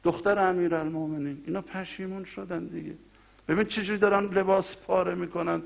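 A male preacher giving a colloquial, impassioned mourning sermon that swells into loud cries and drops to quiet asides to the congregation. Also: sits high, fairly even intonation, vocal fry. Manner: colloquial, direct address to the congregation.

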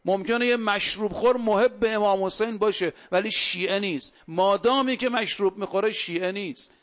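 A man's voice: high-pitched, a bit bright. A man cleric giving a sermon, preaching emphatically with rhetorical questions and stories. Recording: dull lo-fi recording.

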